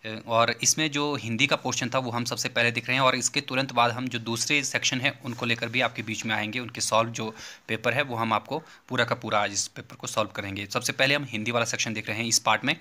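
Male tutor, middle pitch, very bright tone, methodical exam-answer walkthrough. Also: fast talker, hardly any pauses. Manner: repetitive teacherly phrasing, steady explaining. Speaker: teacher hosting an exam-prep channel. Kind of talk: exam paper walkthrough lesson.

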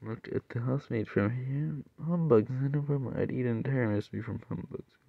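Gravelly young man reading stumblingly. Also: mid-range voice, no echo, phone-quality sound. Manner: stumbling, halting reading with asides. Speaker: reader of fan stories. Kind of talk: reading fan-made stories aloud.

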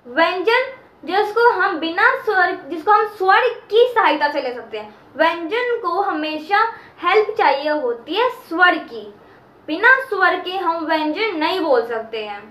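Teacher, female, very high bright voice, slow and patient delivery, echoey room. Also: lively intonation. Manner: repeats key terms and draws out chanted sounds. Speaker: Sanskrit teacher. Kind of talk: slow explanatory lesson.

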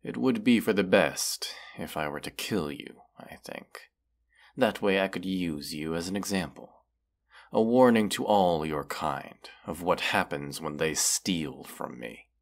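In a fantasy audio roleplay, a man voices a proud, menacing wounded dragon, speaking haughtily, deliberately, and in archaic style. His voice is deep and gravelly, and his mood is one of menacing musing.

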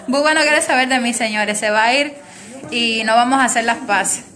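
A woman's voice: a little high, moderate pace, bright, forceful tone. A woman with a Cuban accent vlogging from her hospital department, chatting to viewers and coaxing a crying child. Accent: Cuban Spanish. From Cuba. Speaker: vlogger and ultrasound worker. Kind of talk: casual vlog chat to viewers. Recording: music playing under the voice.

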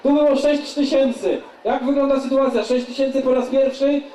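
A man's voice: extremely high pitch, fairly even intonation, normal speed, warm tone. A man working as a playful charity auctioneer, calling and repeating bids from a stage. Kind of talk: live auctioneer patter, calling bids to a crowd. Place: event stage with live audience. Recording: echoey stage, far from the mic.

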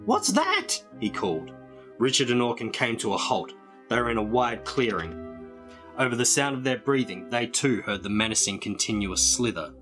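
A man reading a storybook aloud in a dramatic, measured way. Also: mid-range voice, over music. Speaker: storybook reader.

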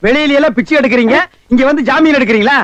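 An actor playing a sharp-tongued man who mocks and insults the beggars around him in a film comedy scene. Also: very high-pitched, racing, no room sound, highs cut off. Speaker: comic lead in a film scene.

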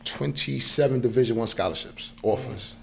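A gravelly, mid-range male voice at normal speed belongs to a New Yorker in his forties, a podcast guest casually telling a personal story and often checking in with the listener. He is recorded on a close podcast mic on a boom arm in a small indoor studio, with slight background noise.

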